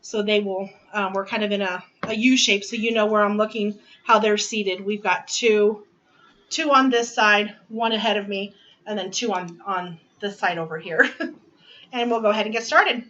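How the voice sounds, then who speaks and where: A student in her forties tells the story of her return to school in a casual, chatty personal narrative speech at her home dining area, laughing often and restarting phrases. Her medium-pitched voice moves at a moderate pace with a fairly bright tone. Recorded from a distance, the audio has its highs cut off and a little hiss or hum.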